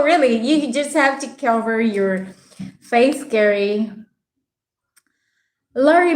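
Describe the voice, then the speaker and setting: A woman livestreamer with a Visayan Filipino accent talks casually to her viewers. Her voice sits fairly high and moves at an unhurried pace, polite and halting, in an echoey room. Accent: Filipino, Visayan (Bisaya). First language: Bisaya. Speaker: livestream host. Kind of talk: casual live chat, answering viewers' comments. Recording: roomy, echoing room sound.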